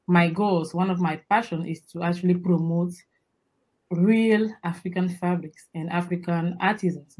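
A woman from Togo with a Togolese accent, introducing herself conversationally as a guest in an interview. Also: lowish voice. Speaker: guest, advocate and trainer.

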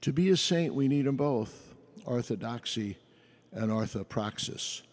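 A man speaking as a priest at Mass, solemn and measured, preaching and praying in liturgical style. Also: medium pitch, lively intonation. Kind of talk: homily and liturgical prayer. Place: church during Mass. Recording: background noise behind the voice.

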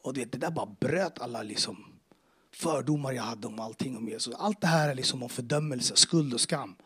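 A crowd can be heard behind a medium-pitched man who is giving his personal faith testimony in church. He's casual but earnest and emotional, using street slang and acting out dialogue.

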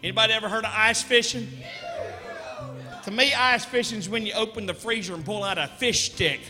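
A man telling folksy jokes on stage in a rambling, drawn-out way. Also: high-pitched, big-room sound, music in the background. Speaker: comedic storyteller. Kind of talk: live stand-up joke telling.

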